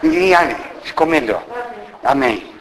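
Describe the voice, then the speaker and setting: A man's voice: a little high, huge pitch swings, takes it slowly, creaky. A man giving a spiritist sermon, speaking straight to the audience and asking many rhetorical questions. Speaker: spiritist lecturer. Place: hall of a spiritist centre. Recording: reverberant hall with faint background noise.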